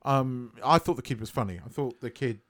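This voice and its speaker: A man co-hosting a casual film chat, animated and swearing freely, laughing often. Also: mid-range voice, brisk. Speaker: podcast co-host.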